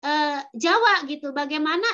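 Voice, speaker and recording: High bright woman, Sundanese accent. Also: normal speed, muffled recording. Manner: rambling and hesitant, many fillers and restarts. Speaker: Japanese language teacher. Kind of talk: casual sharing in a teacher training session.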